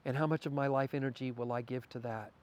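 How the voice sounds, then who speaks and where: A man's voice: mid-range voice, steady tone, fast talker, darkish tone. A man as a podcast guest in a candid conversation, talking in a reflective, philosophical way and thinking aloud with small restarts.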